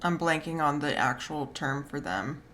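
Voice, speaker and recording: A woman's voice: deep voice, animated, moderate pace, fairly bright tone. A woman chatting casually in a rambling, offhand, wry way, with a slight whistle on her S sounds. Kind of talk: casual chat. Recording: clear background noise.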